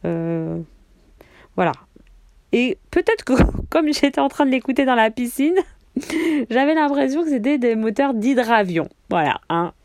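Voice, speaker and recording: A woman's voice: fairly high pitch, big pitch swings, measured pace, a little mellow. A woman leaving a rambling, self-deprecating voice message for a podcast, laughing at herself. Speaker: listener sending a voice message. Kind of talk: casual voice message.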